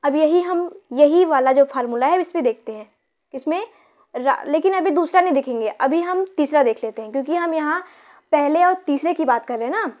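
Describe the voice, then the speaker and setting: A woman's voice: high voice, brisk, darkish tone. A woman teacher explaining a grammar lesson, counting syllables aloud and asking her pupils questions.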